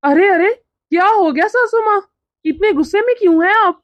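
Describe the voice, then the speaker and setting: A woman voicing a calm young son-in-law in a cartoon story, soothing and reasoning with the mother-in-law. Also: very high voice, normal speed. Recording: dull lo-fi sound.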